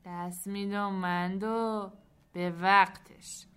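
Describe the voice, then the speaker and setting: A woman voicing a grumpy, greasy old engine man, grumbling slowly. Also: mid-range voice, steady tone, bright, forceful tone, clean tone, natural voice.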